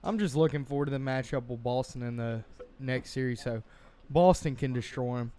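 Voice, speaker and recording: A man's voice: medium pitch, a little fast, slight background noise. A man hosting a casual sports podcast, joking and running through weekly picks. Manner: animated, joking, leads the picks. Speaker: podcast host.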